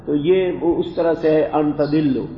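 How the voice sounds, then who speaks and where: A man teaching a Quranic exegesis lesson, explaining Arabic grammar word by word in a calm lecturing way. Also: a little high, slight background noise. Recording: dull roomy recording with long reverb.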